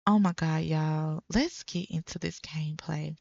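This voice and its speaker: A young woman chatting through her gameplay, exclaiming often to her viewers. She speaks at an unhurried pace in a mid-range voice. The recording is dry with a slightly dull, muffled tone. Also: deep voice, creaky, a little mellow, dry recording. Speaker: let's play creator. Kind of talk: casual gameplay commentary.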